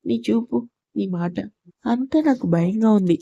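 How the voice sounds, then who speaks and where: A woman's voice: mid-range voice, a little slow, vocal fry, mellow, dry recording, highs cut off. A woman voicing a frightened, tearful young wife who pleads like a child in a storybook reading. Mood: scared, tearful.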